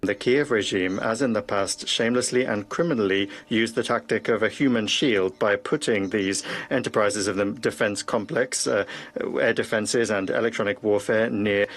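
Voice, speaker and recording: A man speaking as an interpreter, giving a translation voice-over of a formal speech in a measured way with occasional hesitations. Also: lowish voice, fairly bright tone.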